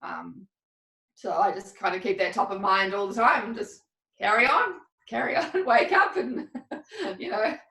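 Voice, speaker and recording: A woman co-hosts a podcast, rambling and candid in casual chat and laughing often. Her medium-pitched voice is animated, a little slow, and pushed and bright. The recording is roomy, a bit distant from the mic.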